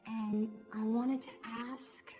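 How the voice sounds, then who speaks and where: Rapunzel, hesitant and high. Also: female voice, level tone, slow pace, warm tone, soft background music. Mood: pleading. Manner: earnest, hesitant, sighing. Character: young woman turning eighteen, hopeful and pleading. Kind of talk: animated film dialogue, replayed for learners.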